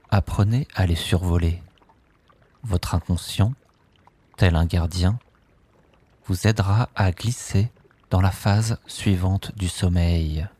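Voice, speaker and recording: A man leading a guided sleep meditation, speaking softly and calmly in drawn-out phrases with long pauses. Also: low-pitched, slightly rough. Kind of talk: slow guided relaxation script.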